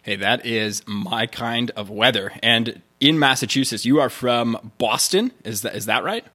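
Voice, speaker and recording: Bright-voiced man hosting an interview. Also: medium pitch, measured pace. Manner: upbeat, enthusiastic interviewer. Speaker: podcast host. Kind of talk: casual interview chat.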